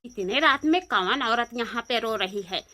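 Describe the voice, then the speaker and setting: A woman's voice: a little high, lively intonation, moderate pace, bright, forceful tone, voice pushed down. A woman voicing a curious, meddling young village woman in a cartoon, questioning and coaxing in an Awadhi accent.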